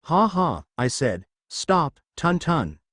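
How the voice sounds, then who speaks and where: A man's voice: fairly high pitch, sing-song, takes it slowly, a bit bright, no echo, studio quality, full character voice. A man voicing a sheepish, flustered teenage boy ninja in a fan-fiction reading.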